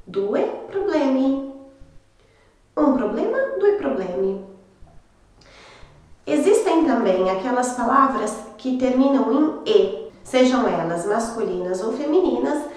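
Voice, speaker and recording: A woman teaching Italian grammar slowly and patiently, repeating each example twice. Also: on the high side. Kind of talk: slow, careful language lesson. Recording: very echoey room.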